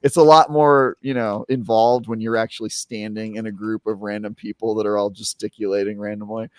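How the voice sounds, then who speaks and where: A young adult man chats on a gaming podcast in a low voice, and the close mic gives it a dry, intimate sound. He rambles happily, doubling back on his words and leaning on fillers as he works up to the good parts. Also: fairly quick, no room sound. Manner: rambling, filler-heavy, animated retelling. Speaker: podcast co-host, game reviewer. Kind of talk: casual podcast chat.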